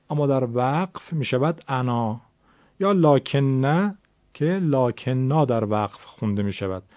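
A man's voice: medium pitch, a little mellow, dry recording, muffled recording. A man teaching Quran recitation in a recorded lesson, explaining rules patiently and drawing out example words to demonstrate them.

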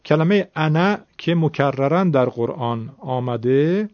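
A man's voice: on the high side, no echo, lo-fi sound. A man teaching Quran recitation in a recorded lesson, explaining rules patiently and drawing out example words to demonstrate them.

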